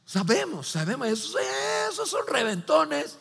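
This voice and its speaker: A man delivers a sermon in a high, bright voice with some gravel in it, and his words ring out in a hall with long reverb. He tells the story with energy, acting out the characters and restarting his phrases often. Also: measured pace. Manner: animated storytelling, acts out voices, many restarts. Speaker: pastor.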